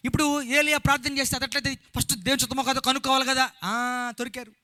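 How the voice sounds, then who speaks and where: High voiced telugu pastor preaching loud, bright sharp tone, pretty dry sound. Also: male voice, flat delivery, no room sound. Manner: loud preaching with frequent hallelujahs, reading scripture slowly. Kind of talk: sermon.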